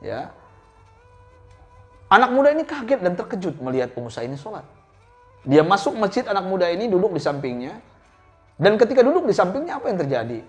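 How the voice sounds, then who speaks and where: Male preacher, storytelling sermon; lively swinging delivery, talks straight to the congregation; soft music underneath. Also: fairly quick, pauses often. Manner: animated, swinging pitch, addresses listeners directly.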